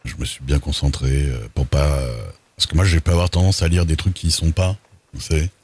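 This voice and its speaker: A man's voice: a bass voice, steady tone, a little fast, a little mellow, breathy edge. A man streaming a roleplay game, talking casually in a rambling, self-deprecating way while nursing a cold and a sore throat. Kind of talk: casual chat between roleplay scenes.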